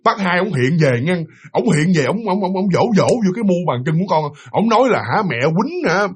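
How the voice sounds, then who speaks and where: A man's voice: sits high, animated, fast talker, husky. Chatty Southern Vietnamese male storyteller. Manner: chatty, repetitive, addresses listeners directly. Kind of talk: casual spoken ghost-story narration.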